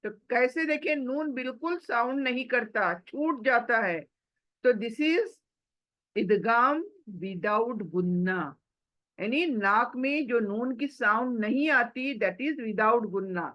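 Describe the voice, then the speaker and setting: A woman teaching a tajweed class, patiently explaining rules step by step and sounding out recitation examples slowly, mixing English words into her talk. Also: a little high, lively intonation, fairly bright tone, lo-fi sound. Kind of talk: slow step-by-step recitation lesson.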